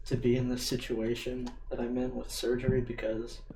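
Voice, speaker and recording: A man's voice: mid-range voice, completely flat delivery, moderate pace, mellow, a little hiss or hum, poor audio. A young man with a slight lisp on his S sounds, chatting casually and hesitantly while he plays a video game. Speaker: vlogger playing a video game. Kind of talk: casual rambling chat while gaming. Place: dim room at home at a computer. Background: keyboard and mouse clicking.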